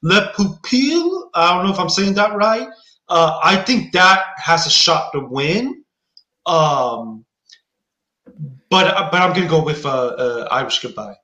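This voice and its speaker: A man's voice: a little high, lively intonation, a little slow, sharp tone. A man hosting a casual chat about award predictions, thoughtful and hedging with frequent restarts. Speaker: podcast host. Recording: echoey room.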